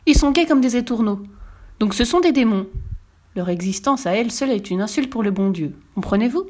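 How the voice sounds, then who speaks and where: A woman's voice: fairly high pitch, expressive, a little fast, darkish tone. Woman as a preachy old court priest, lecturing, storybook read. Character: pompous, alarmed male court chaplain. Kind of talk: storybook reading.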